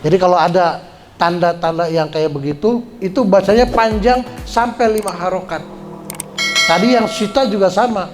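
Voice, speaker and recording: A man teaching Quran recitation rules at a study gathering, explaining patiently and chanting drawn-out syllables to show pronunciation. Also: high-pitched, faint music behind. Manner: slow, patient explaining with frequent "ya" check-ins. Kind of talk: tajwid lesson at a religious study gathering.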